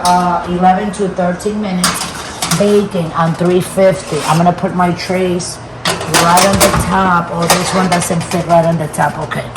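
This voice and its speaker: A woman hosting a casual home cooking video, chatting to viewers in a conversational way and often checking for agreement. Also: lowish voice. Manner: conversational, repeatedly seeking agreement. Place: home kitchen. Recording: roomy, noisy kitchen, distant mic.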